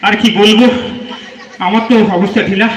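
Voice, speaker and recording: A man's voice: sits high, steady tone, moderate pace, background noise. A man emceeing a live stage show, teasing and joking with the audience as he calls up the acts. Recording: echoey live venue sound.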